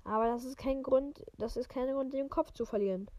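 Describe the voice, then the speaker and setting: A woman's voice: high-pitched, brisk, warm tone, no echo, natural voice. A woman reading the lines of a stern, irritable elderly witch professor in her own voice, stumbling over words now and then. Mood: irritated.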